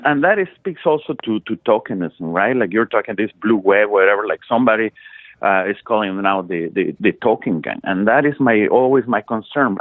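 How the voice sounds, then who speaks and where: A male guest in a political talk show conversation, speaking in measured, emphatic phrases. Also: fairly low pitch, dry recording. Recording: tinny phone line.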